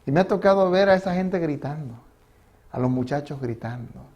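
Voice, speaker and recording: A pastor delivers his sermon in a noticeably high voice, stopping often to ask his listeners questions. He acts out little quotes as he goes, moving between loud calls and quiet asides. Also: animated, brisk, highs cut off. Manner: preaching with rhetorical questions and acted quotes.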